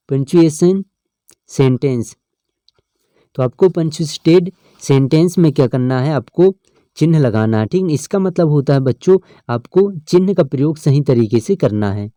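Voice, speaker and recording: Man teaching grammar, deep warm voice, keeps saying ok right, dry close recording. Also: animated, fairly quick, dry recording. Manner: explains step by step, often adds "ठीक है ना". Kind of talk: exam-prep lesson.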